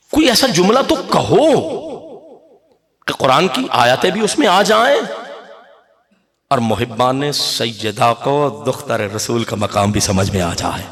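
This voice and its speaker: A middle-aged man delivering an impassioned sermon, moving between soft, slow Quranic recitation and shouted, sung declamation. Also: mid-range voice, gravelly. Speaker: cleric giving a religious address. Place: gathering at a congregational religious hall.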